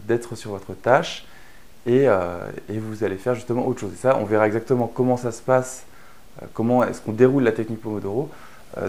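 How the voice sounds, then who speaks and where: A Frenchman with a medium-pitched, darkish voice explains a productivity method in a chatty online lesson. He's a course instructor giving explanatory narration, peppered with frequent fillers and restarts.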